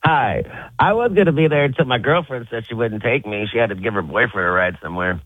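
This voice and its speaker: A man's voice: medium pitch, fast talker, breathy edge, no room sound. A man calling in to a radio contest and chatting casually. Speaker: radio call-in contest player. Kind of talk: casual chat. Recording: narrow, dull phone line.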